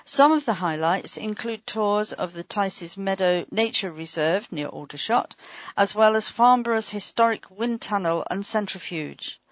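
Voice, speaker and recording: A woman giving a measured, scripted reading of a local council magazine, announcing events. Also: mid-range voice, no room sound. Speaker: audio magazine reader. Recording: dry, dull lo-fi recording.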